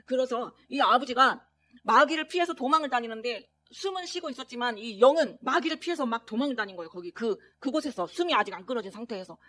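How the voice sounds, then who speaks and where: A woman preacher telling a story in a sermon, earnest and animated, acting out the voices of the people in it. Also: fairly high pitch, a little fast.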